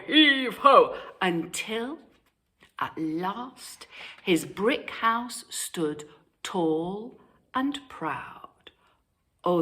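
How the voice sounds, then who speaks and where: This primary school storyteller is a British woman with a lowish, pushed, bright voice. She reads a children's story with lots of animation, stopping now and then to ask her young audience questions.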